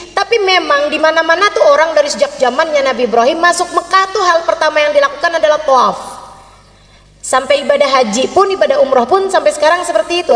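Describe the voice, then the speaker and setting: A woman preacher telling a story in a sermon, lively and chatty with humorous asides. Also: high-pitched. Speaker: female Islamic preacher. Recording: reverberant hall.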